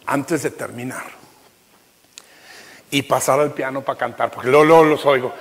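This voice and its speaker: A man's voice: medium pitch, fairly even intonation, normal speed, in a large hall. A man with a Mexican accent preaching a live sermon as pastor, passionate and at times joking with the congregation. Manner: impassioned preaching with playful humorous asides.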